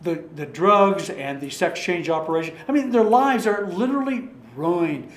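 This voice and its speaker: High-voiced man leading a group study. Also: lively intonation, normal speed. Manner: rambling, with frequent restarts and repeated words; rhetorical questions to the group. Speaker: Bible study leader. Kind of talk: informal Bible study talk. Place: church meeting room. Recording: echoey room recording.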